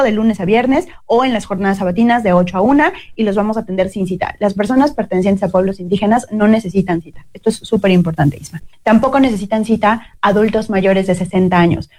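A woman's voice: mid-range voice, darkish tone. A Mexican woman with a Mexican Spanish accent, a consul explaining services as an interview guest.

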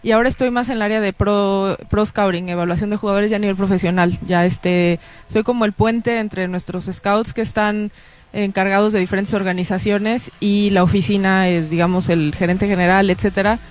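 A woman's voice: medium pitch, moderate pace. Woman from Mexico City with Mexican accent. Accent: Mexican Spanish. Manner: relaxed, many fillers like "este" and "pues". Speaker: guest, baseball scout. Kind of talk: casual interview answers.

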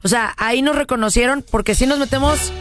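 A woman's voice: high voice, a little fast, music in the background. A Mexican woman co-hosting a casual talk show, emphatic and affectionate, calling people terms of endearment. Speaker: radio show co-host. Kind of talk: casual chat.

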